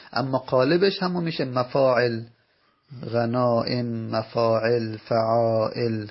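A man teaching Arabic grammar in a recorded lesson, explaining patiently and slowly, repeating each example word. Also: medium pitch, gravelly, breathy edge. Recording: dull lo-fi recording.

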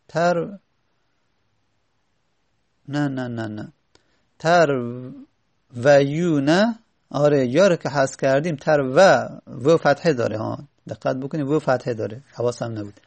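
A man teaching a grammar lesson, slowly repeating and sounding out word forms and correcting himself as he goes. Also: medium pitch, gravelly, a little mellow.

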